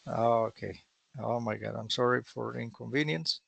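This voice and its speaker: Man, very gravelly voice, dry sound, online English teacher, patient, repetitive drilling. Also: mid-range voice, no room sound, lo-fi sound. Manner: patient, repeats phrases slowly for drilling. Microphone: video call.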